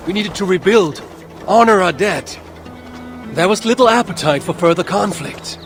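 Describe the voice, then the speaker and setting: An actor playing a proud, brooding Norse god king in a video game, speaking with solemn, archaic formality in a gravelly voice. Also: high-pitched, lively intonation, moderate pace, over music. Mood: defensive. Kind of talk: dramatic game cutscene acting.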